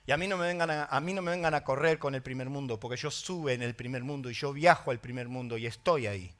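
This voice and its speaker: A middle-aged Argentine man preaching a sermon as pastor, telling stories in an animated way with emphatic exclamations. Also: mid-range voice, quick pace. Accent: Argentine Spanish.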